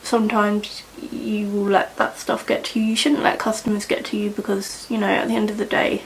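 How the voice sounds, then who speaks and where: Young woman, mid-pitched, rambling get-ready-with-me chatter, faint hiss behind. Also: little pitch movement, a little fast, vocal fry, poor audio. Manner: rambling, chatty, lots of "like" and "you know". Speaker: beauty vlogger. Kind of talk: casual chat while doing makeup. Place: indoors at home, doing makeup.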